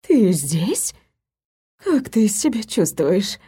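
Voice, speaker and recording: A woman doing a husky, fussing middle-aged mother. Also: medium pitch, very animated, very slow, mellow, voice pushed down, full character voice. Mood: concerned. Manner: fussing, solicitous. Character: worried middle-aged mother, fussing over her husband. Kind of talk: audiobook character voice.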